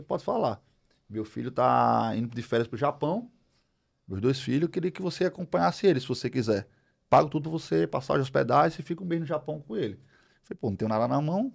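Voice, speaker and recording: A middle-aged Brazilian man telling a personal story as a podcast guest, animated, acting out the dialogue as he goes. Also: on the high side, creaky, breathy edge. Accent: Brazilian Portuguese. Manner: animated, acts out dialogue, many fillers. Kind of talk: storytelling in a casual interview.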